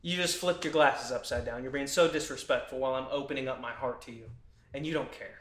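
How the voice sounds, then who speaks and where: A man's voice: medium pitch, quick pace, fairly bright tone. A young man co-hosting a podcast, bantering in mock-earnest tones and breaking into laughter. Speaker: podcast co-host. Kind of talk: casual chat. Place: indoor podcast room. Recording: echoey room.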